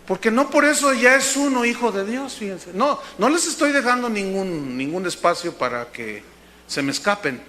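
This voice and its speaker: A man preaching with a high, bright voice, acting out the people in his stories. He swings between quiet asides and sudden shouts. A faint background noise sits under the recording. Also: moderate pace. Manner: lively, acts out dialogue with bursts of shouting. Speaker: pastor. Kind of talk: animated sermon.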